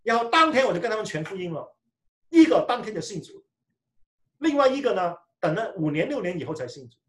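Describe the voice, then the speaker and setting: A male preacher gives a lively sermon, his pitch rising and falling widely as he tells personal stories and trips over his own restarts. He sounds set back from the microphone in a roomy, echoing church hall. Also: fast. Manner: animated storytelling, often restarting phrases. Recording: echoey room, mic far off.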